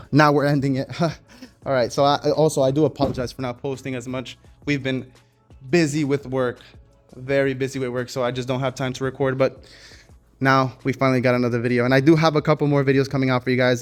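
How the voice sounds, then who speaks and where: Rambling, laid-back young shop guy. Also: mid-range voice. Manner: loose, rambling talk with fillers and restarts. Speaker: custom car shop owner. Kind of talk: casual shop vlog.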